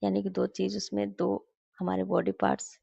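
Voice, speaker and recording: A woman tutor walks through grammar rules step by step and slows down to read English example sentences aloud. Her voice is gravelly and mellow, with a flat, steady melody. The recording is dry and a little dull. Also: medium pitch, no room sound. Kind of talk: Hindi-medium grammar lesson.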